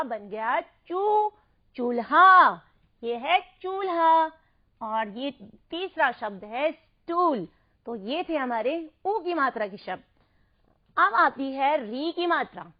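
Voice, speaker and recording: Slow-spoken woman teaching young children. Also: high-pitched, lively intonation. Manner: slow, clearly enunciated, has listeners repeat words. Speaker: primary school teacher. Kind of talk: children's Hindi lesson. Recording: dull lo-fi recording.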